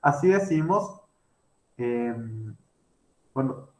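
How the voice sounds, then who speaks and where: A man lectures an online class. He explains slowly and repeats himself, stopping often to restart. His voice sits in the middle range and the recording has a roomy echo. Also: mid-range voice, lively intonation, a little mellow. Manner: explanatory, halting with many fillers and restarts. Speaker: language teacher.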